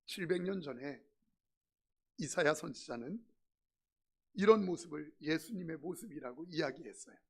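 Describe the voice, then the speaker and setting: Middle-aged guy preaching in church, gravelly husky voice, jokey stories then punchy emphasis. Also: fairly high pitch, normal speed, long pauses. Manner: humorous storytelling, emphatic preaching. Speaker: pastor. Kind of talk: sermon. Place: church sanctuary.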